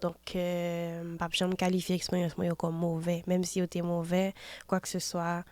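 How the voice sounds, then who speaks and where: A singer from Haiti, in her twenties, is interviewed casually and answers with hesitation and frequent fillers in a Haitian French accent. She speaks at a normal speed with a fairly low, darkish voice and a completely flat delivery. No room sound is audible.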